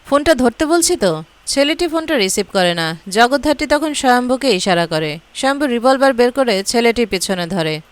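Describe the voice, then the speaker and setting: A woman storyteller reading a story aloud in a steady, plain way. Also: a little high, brisk, smooth, no echo. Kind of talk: story narration.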